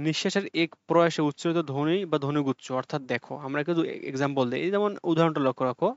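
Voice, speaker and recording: A man's voice: on the high side, very fast, clean tone, dry recording. A young man teaching an exam-prep lesson, explaining step by step and repeating key points to check that students follow. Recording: dull lo-fi audio.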